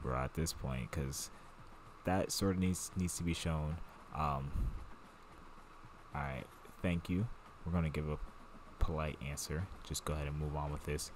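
Deep-voiced laid-back gaming host. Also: male voice, a little hiss or hum. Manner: laid-back, slangy, chatty. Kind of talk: casual gameplay commentary.

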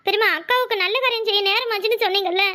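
A woman's voice: extremely high pitch, very fast, pushed and bright. A woman with a Kanyakumari Tamil accent voicing a stubborn, devoted young woman in a cartoon, earnestly brushing off worry.

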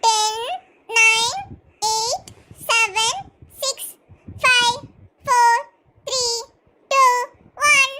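A woman's voice: extremely high pitch, fairly even intonation, extremely slow, long pauses, noisy background, exaggerated voice. A woman voicing a sleepy, childlike young wife in a cartoon serial, talking in a whiny, babyish way.

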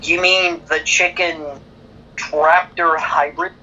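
A man's voice: fairly high pitch, level tone, slow, bright, forceful tone, highs cut off. A man joining a gaming session as a guest, chatting casually in a joking, playful way. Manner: joking, playful, silly interjections. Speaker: guest player. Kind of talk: casual gameplay chat.

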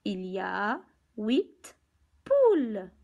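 A woman teaching young children from a picture book, speaking slowly and deliberately, repeating words and counting aloud. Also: medium pitch, wildly swooping pitch, gravelly, a little mellow, lo-fi sound.

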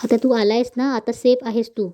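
An insistent, accusing middle-aged mother, as a woman reads her lines in a serial recap. The voice stays flat and fairly high. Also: moderate pace, close to an everyday voice.

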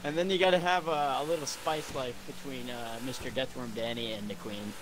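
A man's voice: medium pitch, fairly even intonation, a little fast. A man joking playfully and swearing casually as he streams a video game with friends. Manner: playful, profane, exclamatory. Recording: noisy game sound behind.

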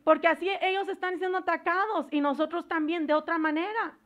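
A woman preacher giving a fervent sermon, pausing to search for words and building into loud exhortation. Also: very high voice, fairly even intonation. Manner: searches for words aloud, slips into English words.

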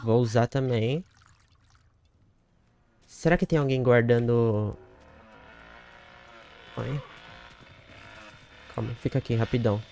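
A man streaming a horror game, commenting as he plays, muttering one moment and shouting shrilly the next, swearing often. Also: fairly even intonation, slow pace, long pauses. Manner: profane, swings from muttering to shrill yelling. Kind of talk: live gameplay commentary.

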